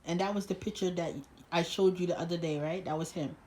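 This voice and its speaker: A grandchild interviewing their grandfather, gently prompting with short questions and frequent okays. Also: mid-range voice, fairly even intonation, fast, echoey room, a little hiss or hum. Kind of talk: casual interview.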